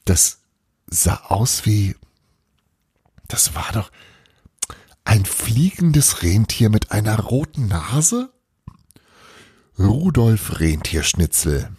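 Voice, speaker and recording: A man reading a children's story aloud, slow and expressive, with a low, husky voice. The recording is dry and close. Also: no echo. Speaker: reader.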